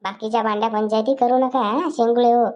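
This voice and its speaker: A woman's voice: a little high, steady tone, muffled recording, natural voice. A woman voicing a grumpy grown village man. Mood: irritated scolding. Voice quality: scolding, coarse, rapid grumbling.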